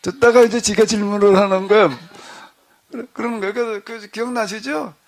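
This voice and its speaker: A middle-aged male pastor telling a story to his congregation in a relaxed, conversational way, acting out the dialogue as he goes. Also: high voice, moderate pace, creaky. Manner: conversational, animated retelling with quoted dialogue. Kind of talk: storytelling in a church discussion.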